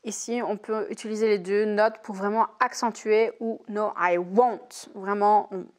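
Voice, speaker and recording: Slow, careful woman teacher. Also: medium pitch, fairly even intonation. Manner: slow, careful, repeats English example phrases clearly. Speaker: English teacher. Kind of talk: recorded language lesson.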